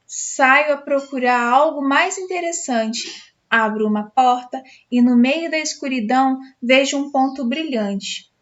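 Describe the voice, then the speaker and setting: A Brazilian woman teacher reading a storybook aloud to schoolchildren in an expressive, dramatic way. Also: high voice, unhurried. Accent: Brazilian Portuguese. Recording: dull lo-fi sound.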